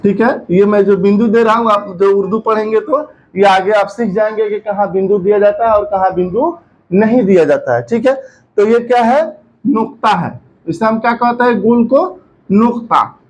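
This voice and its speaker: A man's voice: high voice, moderate pace, darkish tone, poor audio. A man teaching Urdu letters online, asking a question and then answering it himself, repeating each letter several times. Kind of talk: slow teaching lesson with call-and-response drills.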